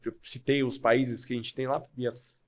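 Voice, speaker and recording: A man's voice: medium pitch, flat delivery, moderate pace. A man with a São Paulo Brazilian Portuguese accent, a guest in a podcast interview who makes his points emphatically and step by step. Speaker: guest, sales manager.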